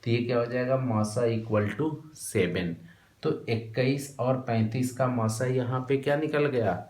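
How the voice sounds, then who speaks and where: A man's voice: medium pitch, darkish tone. An Indian man teaching a maths lesson, dictating notes word by word and asking questions he answers himself. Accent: Hindi, from India. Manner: slow dictation, repeating words one by one; asks questions then answers them himself. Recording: echoey room, faint background noise.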